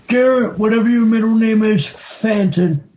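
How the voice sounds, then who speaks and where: A man chatting casually on a group call, animated and halting, with drawn-out phrases. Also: high voice, highs cut off.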